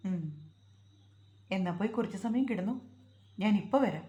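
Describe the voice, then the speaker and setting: A woman's voice: medium pitch, normal speed, mellow, dull audio, close to an everyday voice. A woman voicing a stern young village husband. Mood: soothing. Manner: scolding, then soothing. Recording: roomy echo.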